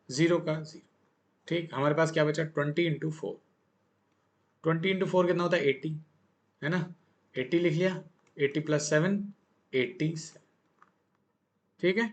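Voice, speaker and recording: A male maths teacher giving a casual, chatty lesson, joking and asking the class questions as he works. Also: fairly high pitch.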